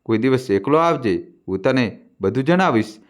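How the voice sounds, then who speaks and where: A man voicing a sorrowful, secretive old man who speaks slowly and gravely in a hushed voice. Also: medium pitch, lively intonation, close to an everyday voice.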